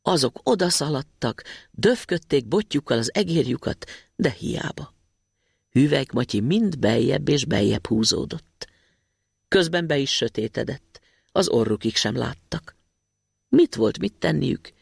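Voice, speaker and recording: A man narrating a fairy tale in a storybook reading, expressive and lively. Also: mid-range voice, creaky, husky, dry recording, clean studio sound.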